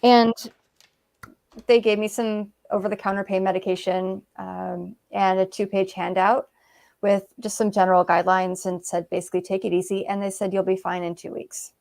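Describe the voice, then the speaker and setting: A woman's voice: mid-range voice, little pitch movement, moderate pace, creaky, a little mellow. Woman guest rambling through her story, lots of um and like, does little voices for quotes. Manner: chatty, many fillers, acts out quoted remarks. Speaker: guest author. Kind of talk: casual interview storytelling.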